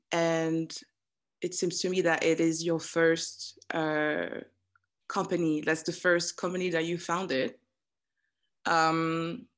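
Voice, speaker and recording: A woman in her thirties hosting an interview over a video call on a headset from her living room, speaking with frequent pauses and restarts. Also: deep voice. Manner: hesitant, restarts often. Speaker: host.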